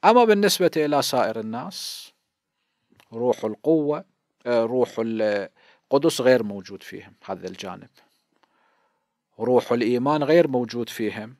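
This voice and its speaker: A man's voice: mid-range voice, lively intonation, fairly quick, long pauses, darkish tone, dry recording. A man in his fifties with an Iraqi Arabic accent gives a religious lesson in a mid-range voice, explaining each point and asking questions he answers himself. The recording is dry and close, with little room sound. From Iraq. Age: 50s. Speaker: cleric teaching a seminary lesson.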